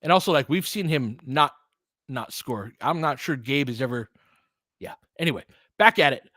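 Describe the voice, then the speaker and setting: A man with a mid-pitched, expressive voice offers casual live play-by-play and analysis of a basketball game at normal speed, thinking aloud like a streamer chatting through the action. The recording is dry, with very little room sound.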